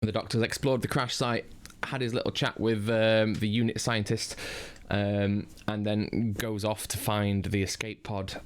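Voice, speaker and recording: Low-voiced Northern English man reviewing. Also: little pitch movement, unhurried, clean tone. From Northern England. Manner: rambling, many fillers and restarts. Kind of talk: casual spoken review.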